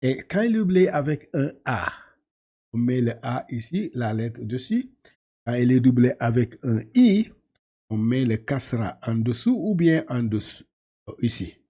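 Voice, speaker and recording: Husky-voiced man teaching letter sounds. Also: medium pitch, dark tone. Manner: repeats syllables patiently, laughs often, switches into English words. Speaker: Quran reading teacher. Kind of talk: teaching class.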